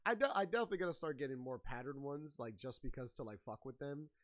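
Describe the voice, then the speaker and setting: This podcast host keeps the chat casual, hyped, slangy and playful, his mid-range voice expressive and quick. He's getting over a sinus infection, so he comes across a little nasal and congested.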